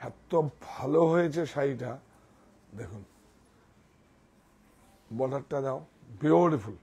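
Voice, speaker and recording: A man presenting sarees in a live sales pitch, enthusiastic, repeating praise and directing the models. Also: lively intonation, slow, darkish tone, slightly rough. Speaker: saree seller presenting products.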